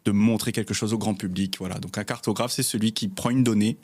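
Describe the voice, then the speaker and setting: Relaxed man. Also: on the low side, fast, slightly rough. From Réunion. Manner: relaxed, many fillers, laughs easily. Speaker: guest, cartographer. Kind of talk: casual interview chat.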